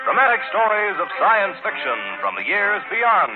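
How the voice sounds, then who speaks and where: A man as a high, lively announcer on an old broadcast disc. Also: normal speed, music in the background. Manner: lively, animated delivery. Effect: old transcribed radio broadcast disc. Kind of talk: old-time radio announcing. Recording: dull lo-fi vintage radio recording.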